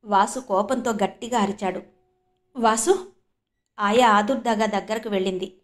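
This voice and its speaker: A woman from India narrating a novel aloud in a steady, expressive storytelling manner. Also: medium pitch, fairly quick. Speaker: audiobook narrator. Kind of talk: novel reading.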